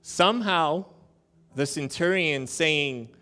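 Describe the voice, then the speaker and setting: A male pastor preaching a sermon in a lively, joking, conversational way. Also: a little high, slow.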